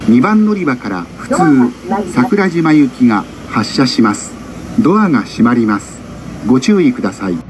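A man's voice: mid-range voice, sing-song, moderate pace, noisy background. A man giving formal station announcements in a nasal, clipped, formulaic delivery over a distant PA. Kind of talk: formal recorded platform announcement.

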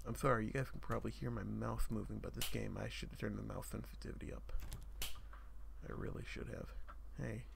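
Young male let's-player, heavy vocal fry, irreverent and foul-mouthed casual commentary, very noisy recording with mouse clicks. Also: lowish voice. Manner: profane, irreverent. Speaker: gamer commentating on gameplay.

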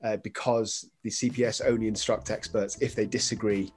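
A man's voice: fairly low pitch, level tone, normal speed, darkish tone. A man in his thirties with a British accent, explaining things in a casual interview conversation. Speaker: forensic psychiatrist in conversation. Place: indoor room on a video call.

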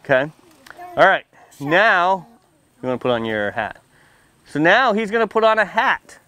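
With a high, bright and forceful voice that swings widely in pitch at a normal speed, a man gives children a firefighter's safety talk. The setting is outdoors under a tent canopy beside a building, a small audience seated before him, and he speaks simply and playfully, teasing, questioning, and checking in with "okay" and "right."

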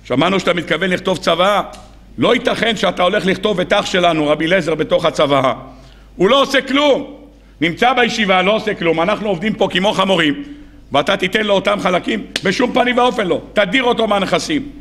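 A man's voice: sits high, fairly bright tone. A man voicing resentful grown brothers who complain indignantly, in a retold sermon story.

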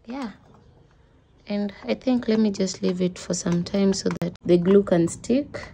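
Slow-talking young woman vlogger, noisy background. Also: mid-range voice, gravelly, dark tone. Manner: chatty, confiding, talks to the camera and her toddler. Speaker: vlogger and mother. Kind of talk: casual vlog chat. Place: at home, later walking outdoors.

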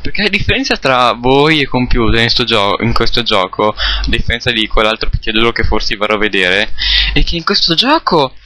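A man's voice: mid-range voice, sing-song, bright, forceful tone. A man giving casual, rambling gameplay commentary, often correcting himself, recorded on a cheap computer microphone. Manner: rambling, self-correcting, halting. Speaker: gamer recording a let's play. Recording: cheap mic, faint noise, clicks.

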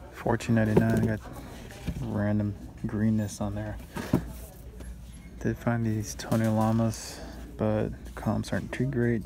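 A man's voice: lowish voice, gravelly, noisy background. A man in his thirties chatting casually as he vlogs, easygoing and full of filler words, filmed on a phone held at arm's length. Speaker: sneaker reseller vlogger. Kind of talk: casual vlog narration. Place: parked car and retail stores.

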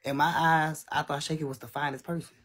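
Young man in his 20s, husky tone, slightly high voice, candid live-streamer answering chat on a phone. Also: flat delivery, a little fast, fairly bright tone. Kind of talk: casual live-stream talk to viewers. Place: small room indoors. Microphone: phone held at arm's length.

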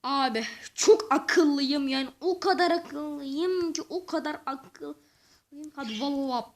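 A woman giving excitable let's-play commentary to her viewers, muttering and whispering asides to herself as she plays. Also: sits high, unhurried. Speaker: gaming channel host.

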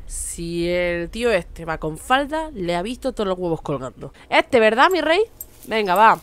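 A woman with a Spain Spanish accent doing let's play commentary at home, excitable and sweary, switching into broken English and snatches of song. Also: medium pitch, moderate pace, a little hiss or hum. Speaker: gaming streamer. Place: home room with a fan.

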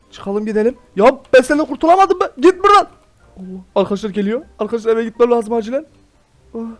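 A man playing a Minecraft role-play character, excitable and full of exclamations, talking straight to his viewers. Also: very high-pitched. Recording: faint background music.

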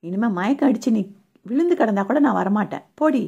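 A woman's voice: fairly high pitch, expressive, vocal fry, warm tone, slightly rough, lo-fi sound, heavily acted. A woman voicing a caring but hot-tempered young man in an audio novel, scolding and firm. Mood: angry. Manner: scolding, quick to anger.

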